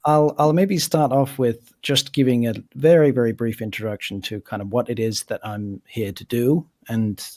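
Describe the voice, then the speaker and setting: A middle-aged man who works as a lawyer for a crypto organization explains his legal work on a community call. He has a cold, so his medium-pitched, slightly mellow voice sounds nasal, with fairly even intonation, a moderate pace, and few pauses. He's thoughtful and hesitant, full of fillers and restarts, in clean studio audio with no room sound.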